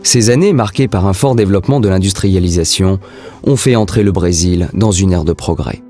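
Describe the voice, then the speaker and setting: A man with a low voice narrates a documentary from a script. Faint music plays behind him as he reads in full, composed sentences. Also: a little fast, dark tone.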